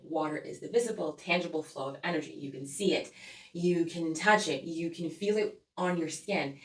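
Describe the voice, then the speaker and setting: Woman host of a tarot forecast, lowish voice, soothing and earnest; voice set back from the mic in a roomy space. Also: fairly bright tone. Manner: soothing, earnest, repeats "okay?" to check in with viewers. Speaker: tarot reader and astrology host. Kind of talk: weekly energy forecast with tarot cards. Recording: roomy echo, voice a bit far from mic.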